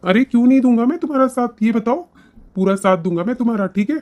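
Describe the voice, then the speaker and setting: A performer doing a kind young cartoon husband who talks quickly in a mid-pitched voice. His manner is eager and reassuring, quick to back up his wife. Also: darkish tone, close to an everyday voice. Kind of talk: cartoon voice acting.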